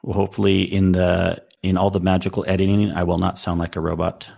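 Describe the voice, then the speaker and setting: Low gravelly podcast host. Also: male voice, little pitch movement, brisk, a little mellow. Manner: upbeat, laughs often, loose restarts. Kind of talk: casual podcast chat. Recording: voice call over chat app.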